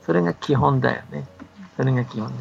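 Speaking fast in a gravelly, mid-range voice, an older man casually and patiently explains folktales on the radio as a scholar, often checking for the listener's agreement. The recording is dull and band-limited, with faint background noise.

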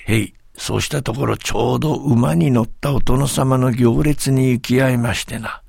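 A man's voice: medium pitch, fairly even intonation, moderate pace, vocal fry, darkish tone, slightly rough, no echo, studio quality. A man voicing a sly, boastful village tall-tale teller who speaks with humble, servile politeness. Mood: sly, polite.

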